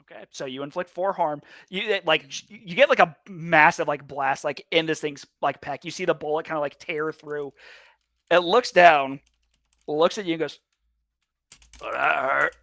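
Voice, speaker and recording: A man's voice: a little high, moderate pace, fairly bright tone, no room sound. A man running a tabletop game as game master, narrating loosely with lots of "like" and fillers. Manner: loose, full of "like" and fillers, laughs often.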